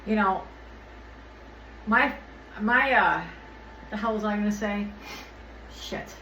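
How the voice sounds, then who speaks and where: A woman does an oracle card reading on her channel, ranting in an irritated way, swearing often, and losing her train of thought. Her voice is mid-range, slow, and sharp in tone. The casual vlog was recorded in an echoey room with faint ambience and slight background noise.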